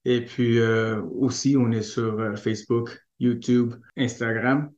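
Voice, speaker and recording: Halting man with a non-Parisian accent. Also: mid-range voice, little pitch movement, darkish tone, roomy sound, highs cut off. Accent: non-Parisian French accent. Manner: halting, searching for words. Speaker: guest. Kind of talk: casual chat.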